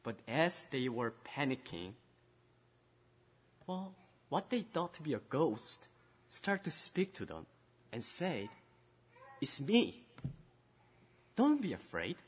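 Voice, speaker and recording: A male pastor giving a children's sermon, storytelling and swinging between loud emphasis and hushed tones. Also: mid-range voice, big pitch swings, slow, pauses often, husky, big-room sound.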